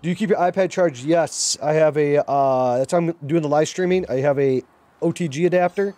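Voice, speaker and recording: A man live-streaming a mobile shooter, chatting casually and excitedly urging his viewers, often repeating himself. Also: a little high, fairly quick.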